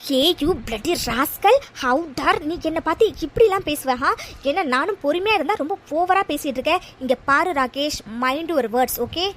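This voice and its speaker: A man voicing a sharp-tongued, haughty young woman in a cartoon love story, scolding and mixing in English. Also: extremely high pitch, animated, a little slow, hardly any pauses, voice pushed up, heavily acted. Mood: scornful. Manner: scolding, mixes English insults. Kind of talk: cartoon voice acting.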